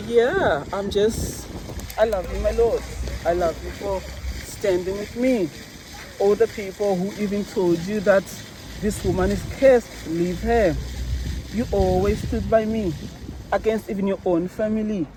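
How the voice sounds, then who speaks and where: An earnest woman speaks from the heart about her faith while standing beside a park fountain. Her recording is noisy, with running water and outdoor ambience clearly heard around her voice. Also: mid-range voice, measured pace. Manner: earnest, tearful-tinged, faith-filled testimony. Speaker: vlogger. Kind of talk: emotional personal monologue.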